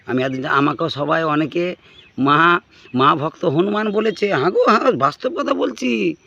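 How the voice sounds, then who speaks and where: A man telling a humorous story straight to his audience in an animated way, often urging them to listen. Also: fairly high pitch, unhurried, gravelly, lo-fi sound. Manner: animated, addresses listeners directly with appeals to listen. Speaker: comic storyteller. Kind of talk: humorous first-person monologue to an audience.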